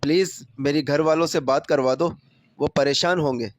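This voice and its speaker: A man's voice: medium pitch, close to an everyday voice. A man voicing a young jailed man begging for help. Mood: pleading. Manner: pleading. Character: young man jailed, pleading his innocence.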